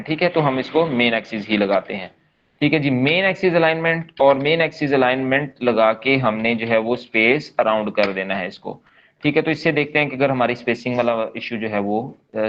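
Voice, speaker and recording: A man's voice: medium pitch, fairly bright tone, a little hiss or hum. Man, coding instructor, live online class, patient step-by-step explaining, muffled call audio. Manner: patient, repetitive, checks in often.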